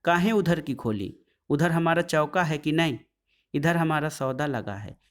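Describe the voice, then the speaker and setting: A man putting on a shrill, spiteful old aunty. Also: animated, measured pace. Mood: scolding. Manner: scolding, dialect-heavy taunting. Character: quarrelsome older woman neighbour, spiteful and shrill.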